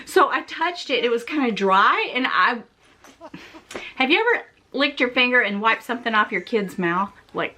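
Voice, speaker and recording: A middle-aged woman vlogger telling a story to her viewers in a casual, animated way, often laughing and exclaiming as she talks. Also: a little high, normal speed, slight background noise. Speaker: fashion vlogger.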